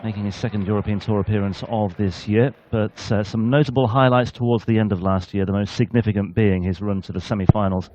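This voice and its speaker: Male darts co-commentator, brisk and analytical, with a mellow tone. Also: on the low side, steady tone, dry recording, dull audio.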